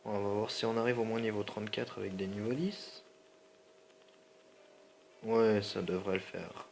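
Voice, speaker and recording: Over a faint hum on a low-quality recording, a gaming channel host comments casually on his play at normal speed, his low, gravelly voice darkish in tone. He has a stuffy nose and a slightly sore throat, rambles with slangy asides, and keeps saying sorry to his audience.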